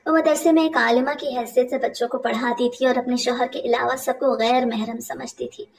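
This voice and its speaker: A woman narrating a first-person family story in a steady, confiding way. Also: fairly high pitch, moderate pace, distant mic.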